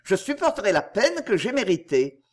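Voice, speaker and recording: A woman reading the lines of an earnest, stern young gentleman in an audiobook. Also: medium pitch, big pitch swings, normal speed. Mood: resolved. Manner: earnest, firm.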